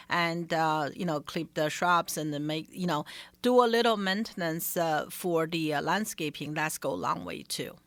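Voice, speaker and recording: A woman's voice: on the low side, sharp tone, dry recording. A woman with a Chinese accent co-hosting a radio show, who speaks emphatically and repeats her main points. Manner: emphatic, repeats key points, non-native grammar. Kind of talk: casual radio talk. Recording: dry studio sound.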